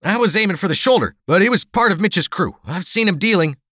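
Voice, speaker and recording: A man voicing a wiry, jumpy junkie gunman with a whiny, excitable way of talking, in an audiobook. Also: sits high, fairly quick, dry recording, studio quality, pitched above the performer's own voice, heavily acted.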